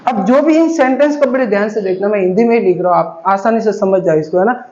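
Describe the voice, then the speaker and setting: High-voiced man teaching grammar, roomy. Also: fast, background noise. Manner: patient, repetitive explaining, addresses students as beta. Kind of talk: classroom grammar lesson. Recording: roomy, dull lo-fi recording.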